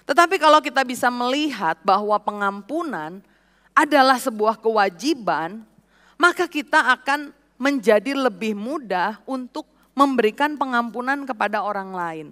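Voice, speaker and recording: A woman's voice: a little high, animated, moderate pace, fairly bright tone. A woman pastor giving a sermon, telling a story and acting out its dialogue. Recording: long hall reverb.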